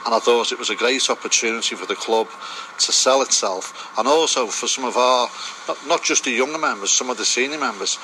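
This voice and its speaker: A man's voice: mid-range voice, fairly quick, pushed and bright, a little hiss or hum, rough recording. A man talking casually as an interview guest. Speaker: interview guest, cricket club member.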